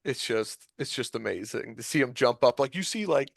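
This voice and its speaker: A man's voice: medium pitch, animated, moderate pace, gravelly, no room sound. A man in his twenties, a guest on a podcast, telling a hunting story in a casual, rambling way with lots of fillers. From Ohio. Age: 20s. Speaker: podcast guest, deer recovery drone operator.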